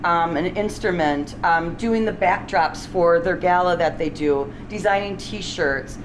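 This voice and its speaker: A middle-aged woman hosts a cooking series indoors in a restaurant kitchen, casual, chatty, enthusiastic and unscripted. Her voice is fairly low and a little slow, with clearly noisy kitchen ambience around her.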